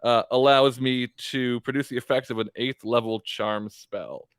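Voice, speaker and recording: A man playing a tabletop game, explaining his moves casually and haltingly as he thinks aloud. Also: mid-range voice, steady tone, smooth, dry recording, studio quality.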